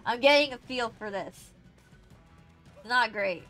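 A high-pitched woman streaming a game. Her voice leaps up and down as she giggles and chats to the characters, and she takes her time between remarks, with faint game music underneath. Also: lively intonation, slow, fairly bright tone. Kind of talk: casual gameplay commentary.

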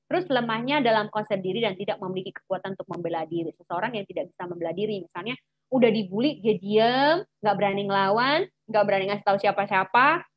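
A woman's voice: mid-range voice, no echo, lo-fi sound. A woman teacher giving a chatty informal lesson to teens, full of fillers and acted-out taunts. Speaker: teacher giving an anti-bullying talk.

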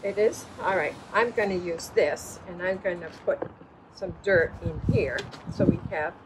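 A woman in her sixties, a children's storytime host, teaches young children to garden at an outdoor table in the wind, offering praise and simple instructions. Her voice is lowish and a little slow. Breezy outdoor noise and birdsong fill the background.

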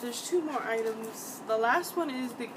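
A woman's voice: a little high, a little slow. A woman in her twenties reviewing beauty products in her bedroom, talking chattily and with enthusiasm, with frequent ums and restarts. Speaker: beauty vlogger. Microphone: webcam at desk distance. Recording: distant mic, loud background noise.

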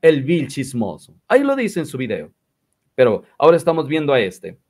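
A man's voice: mid-range voice, huge pitch swings, normal speed, darkish tone. A man giving combative, mocking commentary in a religious dispute. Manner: combative, mocking, quotes others in exaggerated voices. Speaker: commentator replying to critics.

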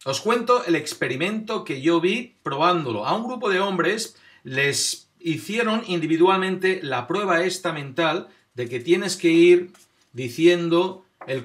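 A man hosting a quiz video, explaining answers one by one and talking straight to the viewer, dragging out each number as he reveals it. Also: a little high. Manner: animated, drawn-out number reveals; addresses viewer directly, demonstrates on camera.

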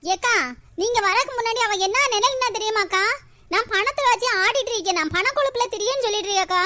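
A woman's voice: very high-pitched, fast, bright, forceful tone. A woman voicing a well-off village woman in a cartoon, aggrieved and pleading with the neighbours. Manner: pleading, aggrieved, repeats "akka". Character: well-off village woman defending her family. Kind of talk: animated cartoon voice acting.

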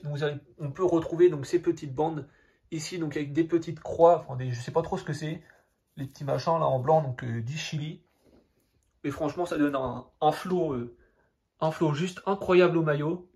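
A young man with a French accent reviewing a football jersey in a casual vlog, rambling and filling nearly every phrase with hesitations. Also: fairly high pitch. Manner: rambling, fills every phrase with "donc" and "euh".

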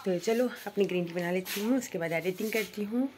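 A woman's voice: medium pitch, brisk. Woman in her 30s doing a chatty daily vlog, talks right to the viewers, bit of hiss behind. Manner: chatty, addresses viewers directly. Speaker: vlogger. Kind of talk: casual daily vlog narration.

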